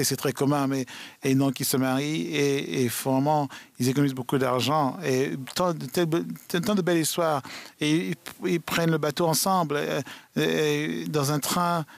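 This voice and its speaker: Male speaker, gravelly and a touch high, halting live talk with many restarts. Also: fairly even intonation, dry recording. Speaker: conference speaker. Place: large event hall.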